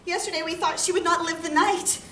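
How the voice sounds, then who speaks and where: On stage, a woman plays a farm wife of the 1860s, loving and anxious, delivering heartfelt letters as a theatrical monologue in plain, old-fashioned words. Her high, earnest voice is sharp in tone, a little fast, with fairly even intonation, and she sounds troubled and longing. It's captured roomy and distant, with some background noise.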